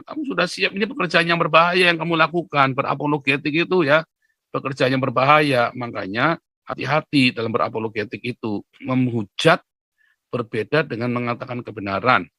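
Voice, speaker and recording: A man giving an animated, lecturing monologue to his viewers, often pushing his voice up toward a near-shout. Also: medium pitch, normal speed, no room sound. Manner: rhetorical tag questions. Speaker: YouTube commentator. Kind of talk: casual monologue.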